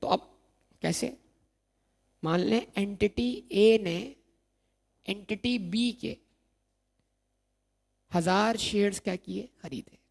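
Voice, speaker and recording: A man's voice: high-pitched, slow pace, gravelly, long pauses. A man lecturing on accounting, asking the class questions and answering them himself while repeating key terms. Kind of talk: recorded exam-prep lecture.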